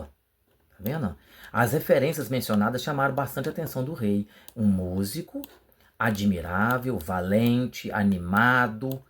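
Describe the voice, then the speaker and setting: A man, teaching a Sunday school lesson in a casual, emphatic way on an improvised computer mic. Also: medium pitch. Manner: conversational, emphatic, swings between loud bursts and quiet asides. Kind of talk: casual lesson preparation talk. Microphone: improvised computer microphone.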